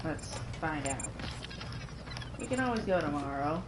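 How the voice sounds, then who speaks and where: A woman's voice: sits low, expressive, a little slow, background noise. A young woman chatting casually and teasing her partner as he plays a game. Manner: teasing, playful. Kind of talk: casual chat while watching a game.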